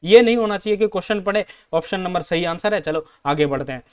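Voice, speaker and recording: An Indian man with a Hindi accent, teaching an exam-prep lesson in Hindi and English. He asks his own questions and answers them, and reads the English sentences out slowly. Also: high-pitched, darkish tone, clear, resonant tone. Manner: repeats questions to students and answers them himself.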